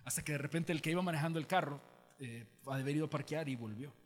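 A man, a pastor preaching a sermon through an animated, humorous personal story, acting out what people said. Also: a little high, racing. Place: large church auditorium. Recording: long hall reverb from auditorium.

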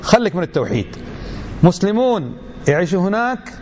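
A man's voice: high voice, very animated, fairly quick, a little mellow, muffled recording, a little hiss or hum. A middle-aged man giving an emphatic religious lecture, full of rhetorical questions.

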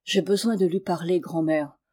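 A woman's voice: fairly low pitch, fairly even intonation, normal speed, warm tone, lightly acted. A woman reading aloud and voicing a humble young shepherd who answers earnestly.

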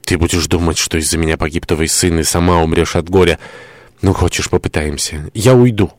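A man's voice: deep voice, a little fast, dry recording, natural voice. A man reading a fervent tormented young lover. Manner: fervent, pleading.

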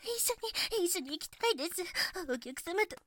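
A woman voicing a shy, apologetic, submissive attendant in an adult audio drama, speaking halting, polite, pleading pillow talk. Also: very high voice, sing-song. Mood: overwhelmed, tearful.

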